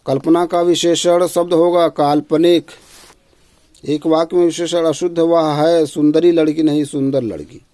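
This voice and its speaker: Man teaching Hindi spelling, dry voice. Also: no echo. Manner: reads each question, then drops low and quiet to give the answer; repeats himself, tag "है ना". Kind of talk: casual exam-prep lesson.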